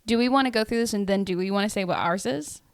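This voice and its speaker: A woman's voice: mid-range voice, fast talker, no echo. A woman co-hosting a casual faith-based podcast, reading book passages aloud and leading the discussion with frequent laughter. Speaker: podcast co-host.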